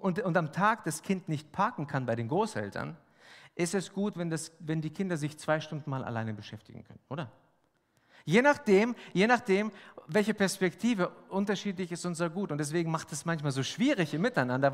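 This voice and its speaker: Male preacher, high and animated, emphatic sermon full of rhetorical questions, long hall reverb.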